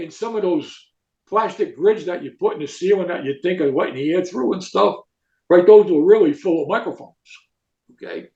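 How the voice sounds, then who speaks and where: Older man spinning rambling coaching stories. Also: high-pitched. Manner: rambling, animated, tags lines with "right?" and "okay?". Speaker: retired football coach, guest. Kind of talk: storytelling in a podcast interview. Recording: echoey room, dull lo-fi sound.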